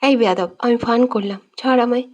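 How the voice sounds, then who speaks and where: An irritable young man who snaps back through gritted teeth, as a woman narrating the story voices him. The voice sits a little high. It is a storybook romance drama. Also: brisk, a little mellow, muffled recording, lightly acted. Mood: annoyed. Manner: snapping, gritted-teeth retorts.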